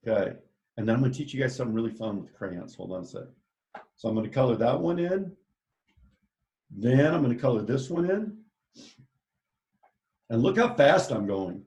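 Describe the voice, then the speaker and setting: A man's voice: mid-range voice, darkish tone. A man teaching a children's art lesson, talking chattily and enthusiastically as he walks them through each step. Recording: echoey room.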